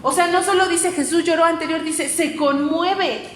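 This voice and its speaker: A woman with a very high, steady voice preaches a youth sermon in a church hall at normal speed, earnest and conversational and full of fillers. The recording is echoey, with faint ambience and a little hiss or hum.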